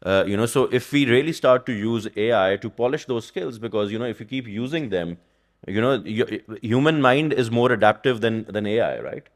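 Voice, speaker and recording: On a conference stage, a Pakistani economist speaks on a panel discussion, thoughtful and rambling, often saying "you know" and asking "right?". His mid-range voice is expressive and moves at normal speed.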